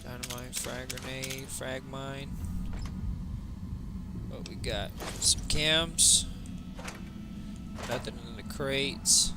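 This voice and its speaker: A man's voice: medium pitch, fairly even intonation, drawn-out words, long pauses. A tired man casually commenting on his game as he plays, thinking aloud and reading out menu options. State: tired, yawning. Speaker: gaming livestreamer. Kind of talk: casual let's-play commentary. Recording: game music playing behind the voice.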